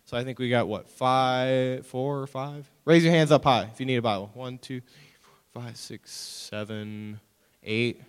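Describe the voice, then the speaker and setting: A young man leads a youth group sermon, his smooth voice ringing with long reverb through a hall. He talks casually with the kids and acts out stories in exaggerated whiny voices. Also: medium pitch, unhurried. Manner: animated storytelling with mock-whiny quoted voices. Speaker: youth pastor.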